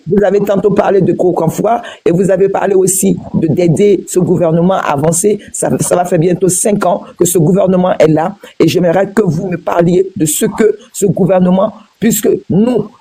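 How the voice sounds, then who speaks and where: A woman's voice: on the low side, steady tone, moderate pace, hardly any pauses, mellow, slightly rough. A woman from Guinea in a heated panel debate, firing repeated pointed questions with many hesitations and restarts. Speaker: debate participant.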